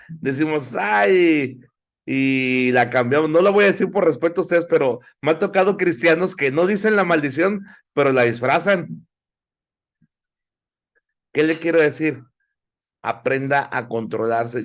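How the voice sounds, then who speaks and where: Middle-aged male preacher-teacher, slightly high voice, urges and questions his class. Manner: exhorting, asks the audience questions. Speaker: Bible institute teacher. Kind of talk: sermon-style Bible class.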